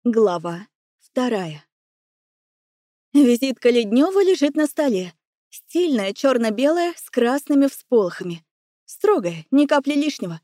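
A woman reads a first-person audiobook, telling the story expressively and with feeling. Her voice is high and soft-toned, mellow rather than bright. The recording is close and completely dry. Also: very animated, a little slow, no echo. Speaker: audiobook narrator.

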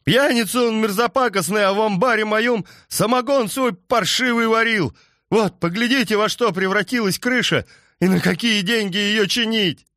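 A man's voice: high voice, moderate pace, sharp tone, no room sound, clean studio sound, pitched above the performer's own voice. A man voicing a furious, indignant peasant farmer who bellows his complaints, in an audiobook.

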